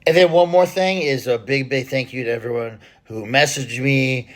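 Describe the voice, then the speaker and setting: A man recovering from illness and short of breath, talking to his followers in a rambling, halting casual vlog update full of fillers and restarts. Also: medium pitch. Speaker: fitness content creator.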